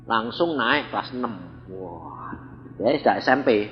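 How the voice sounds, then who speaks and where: A man's voice: on the low side, lively intonation, measured pace. An older man with a Javanese accent, an evangelist telling a testimony in a sermon, blunt and acting out the voices in his stories. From Central Java, Indonesia. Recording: reverberant hall, dull lo-fi sound.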